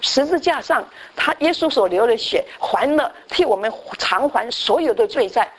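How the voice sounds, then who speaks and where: A woman gives a sermon in a fairly high, breathy, husky voice. Her delivery is conversational: she tells a story, restarts her phrases and often checks in with her listeners. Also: animated, normal speed. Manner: conversational, with frequent restarts and tag questions. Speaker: preacher.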